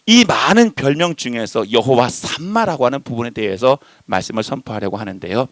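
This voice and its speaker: Animated male preacher with a lively voice. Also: brisk, dry recording. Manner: animated, voices shifting pitch and loudness for emphasis. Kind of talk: lively sermon to a congregation.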